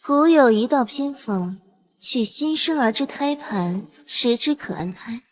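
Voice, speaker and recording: A high-voiced, haughty imperial consort who commands with icy contempt. She plots coolly and snaps orders as if the whole palace answers to her. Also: animated, unhurried. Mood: menacing. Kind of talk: period costume drama acting.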